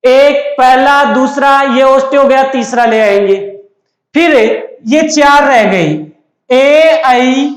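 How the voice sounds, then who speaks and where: A man's voice: very high voice, takes it slowly. A man giving an exam-prep lecture, asking and answering his own questions over and over. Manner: repetitive call-and-answer teaching. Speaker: teacher. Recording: echoey room.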